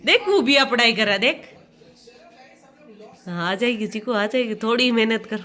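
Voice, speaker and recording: A young woman talks through her day at home in an easy, chatty vlog style. Her voice sits high and sounds bright and clear. She keeps turning to the children, scolding them and coaxing them along, while household noise goes on behind her. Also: lively intonation, normal speed. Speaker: vlogger. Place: home indoors.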